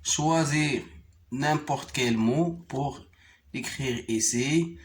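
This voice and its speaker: A man with a Moroccan French accent gives a primary school reading lesson at a very slow, deliberate pace. His voice sits at a middle pitch. He breaks words into syllables and spells them out one letter at a time.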